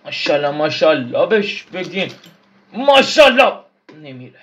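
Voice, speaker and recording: A man's voice: fairly high pitch, animated. A man giving casual gameplay commentary, frustrated, swearing and yelping at the game. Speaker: gaming YouTuber.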